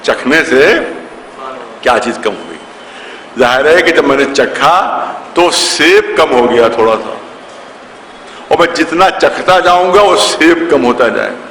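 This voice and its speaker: Forceful bright-voiced cleric in echoey hall. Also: male voice, fairly high pitch, expressive, slight background noise. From India, Lucknow. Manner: repeats phrases for emphasis, acts out quoted voices. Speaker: Shia cleric reciting a majlis. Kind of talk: storytelling sermon. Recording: echoey hall with long reverb.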